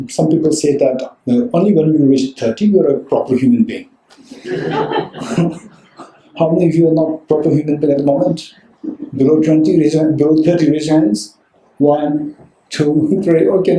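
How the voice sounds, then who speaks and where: A man's voice: on the high side, warm tone. A man teaching as a Buddhist teacher to a live audience, talking conversationally, checking in with the room and repeating phrases for emphasis. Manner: conversational, checks in often with "right?" and "okay". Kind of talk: dharma talk to a live audience. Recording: roomy echo.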